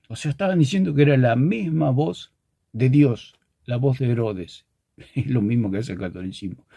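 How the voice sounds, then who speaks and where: A man's voice: mid-range voice, mellow, dry recording. A man preaching a teaching sermon, earnest, restarting and repeating words as he explains with plain everyday examples.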